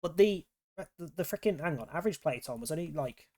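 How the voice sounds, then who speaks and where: A man's voice: a little high, expressive, brisk, darkish tone, slight background noise. A man streaming a game, rambling casually and swearing freely as he chats. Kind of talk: casual gameplay commentary.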